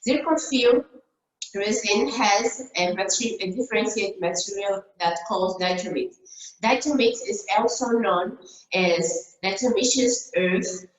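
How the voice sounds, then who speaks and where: A woman from Brazil whose first language is Portuguese, giving a dentistry case report over slides on a video call, halting with many fillers and restarts. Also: mid-range voice. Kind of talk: conference talk over slides. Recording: roomy echo.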